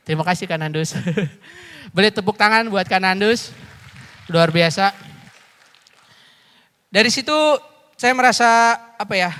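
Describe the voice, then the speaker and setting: A man's voice: high-pitched, bright, forceful tone. A man in his thirties preaching as an evangelist in a church service, chatty and joking, calling out questions to the congregation. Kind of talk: lively interactive sermon. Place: church sanctuary during a service. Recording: live church hall reverb.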